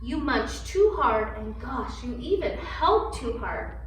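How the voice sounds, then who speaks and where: A woman voicing a patient, gently firm female schoolteacher in an undersea storybook, instructive in manner. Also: on the high side, lively intonation, takes it slowly. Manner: instructive, reminding. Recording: echoey room from far, faint noise.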